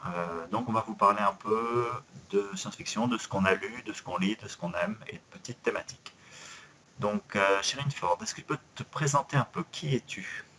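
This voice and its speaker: Guy in his forties co-hosting a chat podcast, lowish voice, easygoing and chatty, faint hiss behind. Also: brisk. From France, Paris. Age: 40s. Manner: relaxed, chatty, hesitant with fillers. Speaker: podcast co-host. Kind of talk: casual chat.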